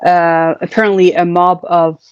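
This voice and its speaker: A woman hosting a podcast interview, asking questions in a hesitant, halting way. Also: on the low side, little pitch movement, darkish tone, clean tone, no room sound, muffled recording. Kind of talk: conversational interview.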